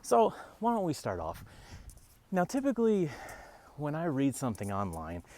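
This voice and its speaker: A man talks straight to camera in a casual rant, wry and sarcastic. His pitch swings widely up and down as he tells the story. He sounds a little out of breath, as if walking uphill outdoors. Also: moderate pace, slight background noise. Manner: animated, wry, sarcastic asides. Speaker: realtor vlogger.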